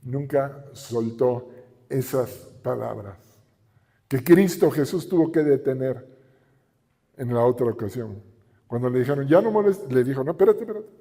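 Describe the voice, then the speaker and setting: A man's voice: mid-range voice, lively intonation, moderate pace, long pauses, dark tone. A middle-aged man with a Mexican Spanish accent, preaching a sermon with emphatic repetition and rhetorical questions. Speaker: pastor. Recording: reverberant hall.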